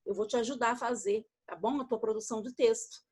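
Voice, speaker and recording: Brazilian woman, primary teacher; high, gentle and patient video-lesson delivery for young children. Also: fairly even intonation, fast, slightly rough. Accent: Brazilian Portuguese. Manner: patient, repetitive, checks in with "okay?" after each step; affectionate toward pupils, uses diminutives.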